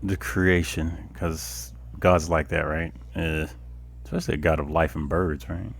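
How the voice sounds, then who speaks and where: A man playing through a story game, reading the narration aloud with measured delivery and casual asides. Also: a bass voice, fairly even intonation, creaky, slightly rough.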